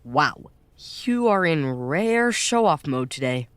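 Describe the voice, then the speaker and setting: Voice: mid-range voice, sing-song, takes it slowly, clean tone, dry recording. An actor voicing a wisecracking teenage schoolboy who grumbles and jokes. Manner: whiny and joking.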